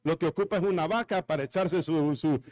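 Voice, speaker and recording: A woman's voice: low voice, brisk, a little mellow, voice pushed down, natural voice. A man voicing an exasperated young wife who scolds her husband in disbelief during a sermon joke. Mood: scolding. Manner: scolding, incredulous.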